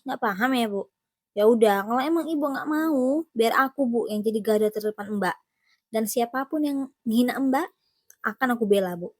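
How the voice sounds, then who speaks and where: A woman's voice: a little high, darkish tone, no room sound, lightly acted. Woman voicing an insistent loyal younger sister. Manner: insistent, pleading. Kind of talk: animated drama voice acting.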